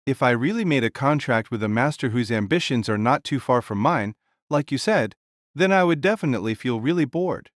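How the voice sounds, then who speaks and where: A man's voice: mid-range voice, lively intonation, brisk, no room sound, clean studio sound, close to an everyday voice. A man playing a huge, boisterous warrior king spirit in an audio drama, speaking in a bold, jovial, boastful way. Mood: frank, encouraging. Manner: hearty, bold, grandiose. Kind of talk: dramatised audio story dialogue.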